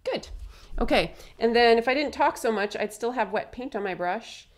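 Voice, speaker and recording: A woman's voice: fairly high pitch, animated, moderate pace. Chatty woman teaching face painting. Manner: chatty, upbeat, explaining as she paints. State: slightly hoarse. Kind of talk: casual face painting tutorial.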